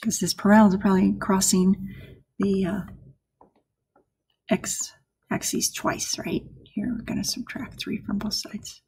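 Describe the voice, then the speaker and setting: A woman teaching a recorded math lesson, soft-spoken and explaining step by step, often checking in with "right?". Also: mid-range voice, little pitch movement, a little slow, long pauses, breathy edge.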